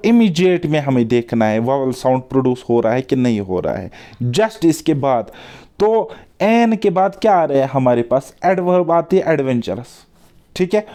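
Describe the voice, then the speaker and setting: A male teacher giving an exam-prep grammar lesson, coaxing his students with repeated words and quick questions. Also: fairly high pitch, warm tone.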